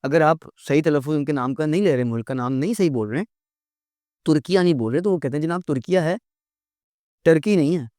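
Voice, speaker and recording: A man teaching an English lesson, repeating each word slowly with exaggerated mouthing and adding wry, gently scolding asides. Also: a little high, dry recording, studio quality. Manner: drills words with slow, exaggerated mouthing and repetition. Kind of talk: recorded pronunciation lecture.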